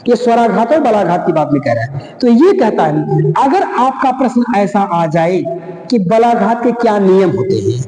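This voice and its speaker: A man teaching a grammar lesson, explaining slowly and repeating phrases as he goes. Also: sits high, very animated, dark tone. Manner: repetitive, drawn-out explanation. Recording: echoey room with long reverb.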